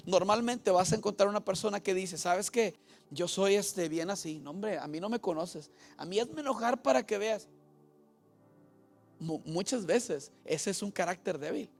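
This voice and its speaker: Gravelly bilingual Mexican pastor preaching. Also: male voice, high-pitched. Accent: Mexican Spanish. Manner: switches between Spanish and English, repeating each point; asks the congregation questions and has them repeat. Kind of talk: bilingual sermon.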